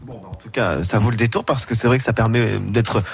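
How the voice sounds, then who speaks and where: A man's voice: fairly low pitch, fairly quick, gravelly, slightly rough. A man working as a radio reporter, chatting casually with a guest and dropping plenty of fillers.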